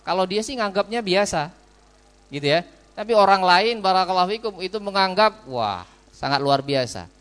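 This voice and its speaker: A man's voice: high-pitched, expressive, moderate pace, a bit bright, clear, resonant tone. A man giving a study lecture in a mosque, repeating a blessing phrase between sentences and asking and answering his own questions. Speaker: Islamic teacher. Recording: long reverb of a mosque hall.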